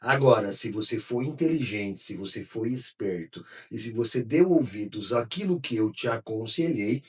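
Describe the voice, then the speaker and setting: This is an older man, teaching spiritual lessons to his viewers in an emphatic, direct way. His voice is husky and of middle pitch. It sounds a bit distant from the microphone. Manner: emphatic, addresses viewers directly, bursts into shouts. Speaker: Kabbalah teacher.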